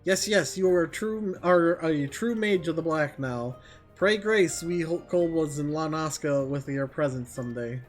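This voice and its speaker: A man voicing an earnest, excitable kobold mage from a fantasy game, formal and eagerly repeating words. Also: a little high, a little slow, soft background music, lightly acted. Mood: admiring. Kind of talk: reading game dialogue aloud in character.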